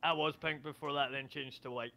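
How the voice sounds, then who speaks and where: A man's voice: on the high side, fairly even intonation, brisk, vocal fry. Defensive man on noisy voice chat. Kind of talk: casual game chat.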